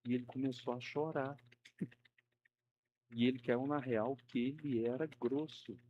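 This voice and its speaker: A man's voice: mid-range voice, fairly even intonation, unhurried, dull audio, a little hiss or hum. A man teaching a Sunday school class, chatty and conversational, often checking in with his listeners and acting out the people in his stories. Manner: conversational, uses tag questions like "né?" often; acts out quoted people in a raised voice. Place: church classroom.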